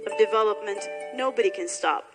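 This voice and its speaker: A Somali woman with a medium-pitched, brisk voice gives a public speech to graduates. She speaks emphatically, building her points through rhetorical repetition, with hall reverb and faint music in the recording.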